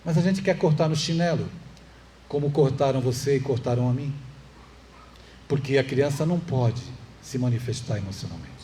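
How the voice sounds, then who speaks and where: In a spiritist center's meeting hall, a Brazilian Portuguese-accented man delivers a public lecture in a conversational way, with rhetorical questions for the audience and a few light jokes. He has a mellow, mid-range voice at a moderate pace, with a little hiss or hum in the background.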